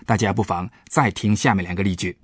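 A man's voice: low-pitched, steady tone, a little fast, very noisy. A man, a professor, patiently explaining German grammar in a radio language lesson.

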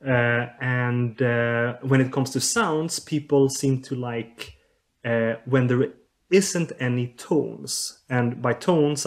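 A researcher explains his work as a podcast guest. The man hesitates often and restarts his sentences with fillers. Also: medium pitch. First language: Swedish. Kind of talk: podcast interview.

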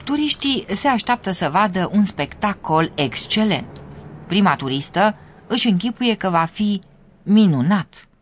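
Lively-voiced radio lesson host. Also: medium pitch, slight background noise. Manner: clear, explanatory, addresses listeners directly. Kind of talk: scripted radio lesson narration.

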